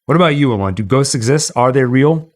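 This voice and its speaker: A man hosts a livestream, chatting casually with viewers and telling stories in a theatrical, dramatic way. His mid-range voice is expressive, and he speaks at a quick pace.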